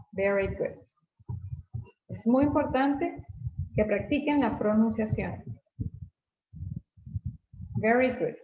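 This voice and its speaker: Slow, patient woman teaching English words. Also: fairly high pitch, roomy sound, dull audio. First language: Spanish. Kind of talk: recorded online class lesson.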